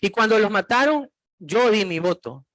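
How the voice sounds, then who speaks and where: A man's voice: sits high, very animated, normal speed, fairly bright tone, dry recording. A man preaching a sermon as pastor, reading Bible verses aloud and putting many questions to the congregation.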